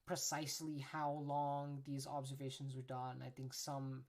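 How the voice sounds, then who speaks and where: Speaking in a rumbling low, monotone and slightly mellow voice at a measured pace, a woman hosts an informal educational podcast. She chats casually, keeps tagging lines with "right?", often corrects herself, and says sorry for her pronunciation.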